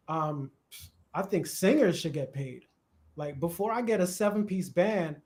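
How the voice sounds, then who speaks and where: A man with a Jamaican accent hosting a live church discussion, chatty and animated, laughing at times as he explains. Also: high voice. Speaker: host. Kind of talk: casual discussion on church worship. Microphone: live stream.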